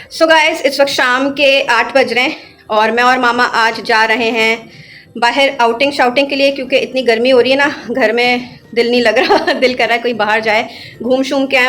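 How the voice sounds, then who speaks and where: A young woman from Pakistan chatting casually to her viewers in a vlog, lively and talkative. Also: a little high. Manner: chatty, animated, addresses viewers as guys. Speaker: vlogger.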